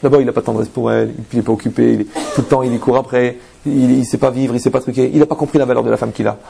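A man's voice: medium pitch, rapid-fire, gravelly, a little hiss or hum. A man giving an anecdotal religious talk as a rabbi, telling stories, asking rhetorical questions and checking "d'accord?" with his audience. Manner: lively storyteller, rhetorical questions, frequent "d'accord?".

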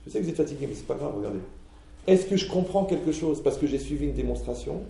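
A man gives a lively talk to an audience, with plenty of rhetorical questions and acted-out exchanges. His voice is dark and gravelly. He sounds a little distant from the mic, in a strongly echoing hall. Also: fairly high pitch, quick pace. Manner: animated, acts out dialogues, rhetorical questions, jokes.

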